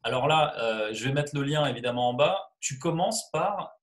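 Man, interviewer, mid-pitched voice, probing questions, restates to clarify. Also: lively intonation, moderate pace. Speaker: interviewer and channel host.

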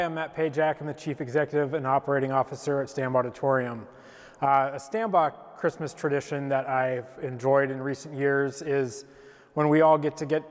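A middle-aged man, a chief executive, giving a steady holiday greeting in a large indoor hall on a lapel mic. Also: medium pitch. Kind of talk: casual holiday greeting to camera. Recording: reverberant hall.

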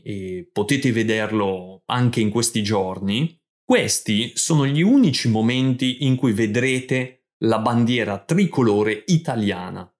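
Guy narrating a scripted story for language learners, short clear sentences, normal pitch. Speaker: podcast host and language teacher.

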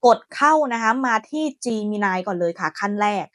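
A woman hosting a software tutorial, chatty and friendly, talking her viewers through each step. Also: mid-range voice, expressive, moderate pace, dry recording, clean studio sound. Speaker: AI tutorial host. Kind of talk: screen-recorded software tutorial.

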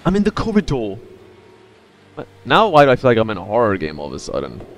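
Lively man streaming a game. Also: medium pitch, fast. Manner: playful, thinking aloud. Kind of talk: casual live gameplay commentary.

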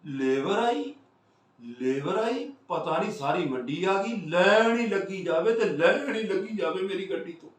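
A man from Punjab in India telling a road story in a casual, animated vlog, acting out what others said and swinging between loud and hushed. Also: sits high, moderate pace, few pauses. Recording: roomy sound from a distance.

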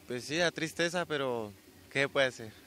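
A sixteen-year-old young man from Colombia, a weightlifter answering interview questions outdoors into a handheld mic, soft-spoken and modest. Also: mid-range voice, normal speed, a little hiss or hum. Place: outdoors by a sports ground. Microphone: handheld reporter mic.

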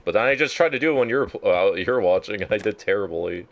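Deep-voiced man streaming a game, swearing. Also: lively intonation, fast. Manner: nervous, profane, chatting directly to a viewer. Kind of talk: casual live gameplay commentary.

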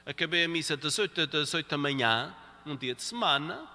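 A man's voice: a little high, animated, a little fast, sharp tone. A man preaching a sermon at Mass, talking conversationally and repeating key phrases for emphasis. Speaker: priest. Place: church. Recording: reverberant church hall.

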